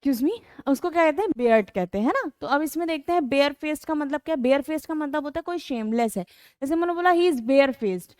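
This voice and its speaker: Indian woman tutor, high-pitched, dry recording, chatty code-mixed vocab lesson. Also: lively intonation, fairly quick, a little mellow, dry recording. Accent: Indian English. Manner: Hindi-English code-mixing, addresses students as beta; rhetorical questions with "है ना?" tags. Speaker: English vocabulary teacher. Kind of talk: online exam-prep class.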